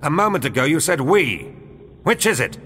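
A man voicing a gruff space marine sergeant who speaks in terse, biting lines. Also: on the high side, very animated, moderate pace, pushed and bright, big-room sound, pitched above the performer's own voice. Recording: noisy background.

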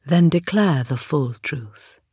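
A narrator voicing an ancient, imperious vampire queen with a cool, commanding, measured delivery in an audiobook. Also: medium pitch, animated, darkish tone, slightly rough, no echo, clean studio sound, heavily acted. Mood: regal. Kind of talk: audiobook character voice.

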